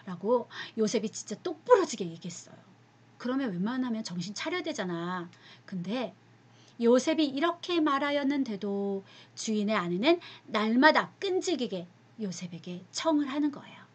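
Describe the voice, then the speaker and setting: A woman's voice: on the high side, very animated, moderate pace, slightly rough. A woman teaching a youth group, telling a Bible story as a sermon; she speaks animatedly, asks the listeners questions and drops to a whisper at times.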